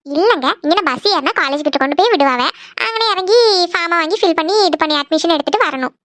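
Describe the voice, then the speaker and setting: A woman's voice: extremely high pitch, animated, quick pace, a bit bright, no room sound. A woman voicing a cheerful, bustling village mother in a cartoon, chatting in a homely way. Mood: chatty. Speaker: cartoon voice actor. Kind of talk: Tamil cartoon dubbing.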